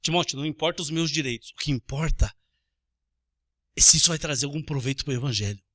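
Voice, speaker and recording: A Brazilian man preaching a sermon as pastor, animated, acting out little everyday scenes with changing voices. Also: a little high, fast talker, dry recording, clean studio sound. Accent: Brazilian Portuguese.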